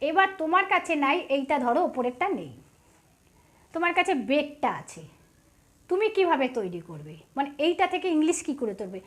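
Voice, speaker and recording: A woman teaching English spelling, sounding out each letter slowly and with emphasis. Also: sits high, big pitch swings. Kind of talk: patient step-by-step tutorial.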